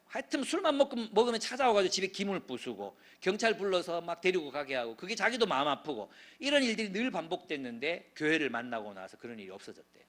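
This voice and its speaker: Lively middle-aged preacher telling stories. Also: male voice, a little high. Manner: animated storytelling, voice swells and drops sharply. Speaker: pastor, guest speaker. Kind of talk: sermon with storytelling.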